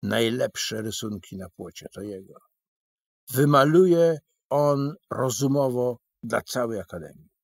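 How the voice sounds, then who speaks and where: A man's voice: medium pitch, animated, measured pace, vocal fry. A man voicing an eccentric, boastful, burly male painter who declaims grandly in a storybook reading. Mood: grandiose.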